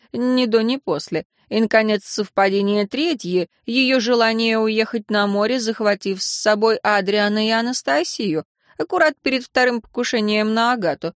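A woman reading an audiobook and voicing a methodical male investigator who lays out his reasoning calmly. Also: mid-range voice, no room sound, studio quality, close to an everyday voice. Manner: calm, reasoning, explanatory.

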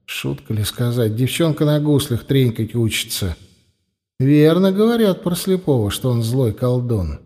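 A man's voice: mid-range voice, lively intonation, unhurried. A man playing a scared but defiant teenage boy who pleads and cries out in fear. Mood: brooding. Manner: anxious, pleading, shouting in fear.

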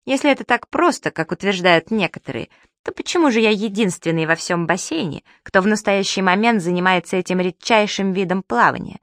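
Lady reading as a boastful show-off creature, high and bratty, dry close audiobook sound. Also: very animated, normal speed, a bit bright, dry recording. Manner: brash, teasing, theatrical. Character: boastful cheeky magical male creature. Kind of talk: audiobook character voice.

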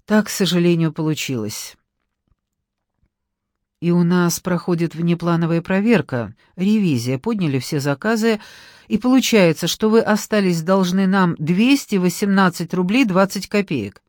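A woman's voice: lowish voice, moderate pace, a little mellow, dry recording, clean studio sound, close to an everyday voice. A woman doing a muffled, flustered shop worker. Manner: hesitant, muffled, apologetic.

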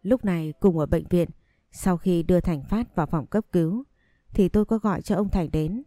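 A woman narrating a dramatic first-person story in a steady scripted reading. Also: lowish voice, moderate pace, no echo, clean studio sound, soft background music.

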